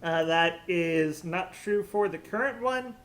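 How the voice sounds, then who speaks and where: A man's voice: high voice, slow pace, a bit bright. A young man solo casting an esports draft, chatty and jokey, thinking aloud on a headset mic. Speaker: esports caster.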